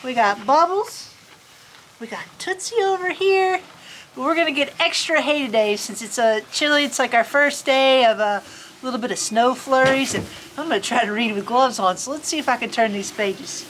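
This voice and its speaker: A farm storyteller host reads a children's storybook outdoors on a farm in cold weather, folksy and playful, adding casual chatty asides. Her voice is high-pitched and fairly bright at a moderate pace. The audio is poor, with faint outdoor farm ambience in the background.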